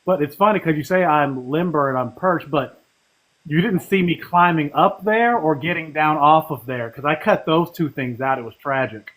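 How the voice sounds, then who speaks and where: Male co-host, slightly higher voice, rambling, self-mocking, halting delivery. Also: fairly bright tone. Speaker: podcast co-host. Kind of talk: casual chat.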